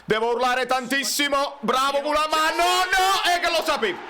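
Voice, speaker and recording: A man with a Neapolitan accent giving excitable live fan commentary on a match, often shouting and repeating himself. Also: very high-pitched, normal speed, crowd noise. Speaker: fan channel host.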